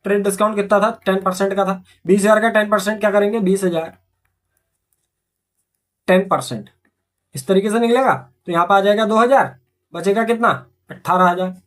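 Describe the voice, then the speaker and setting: A fast-talking man with a high voice and fairly even intonation explains journal entries in accountancy step by step. He is repetitive, questions himself and supplies the answers, and says "theek hai" frequently.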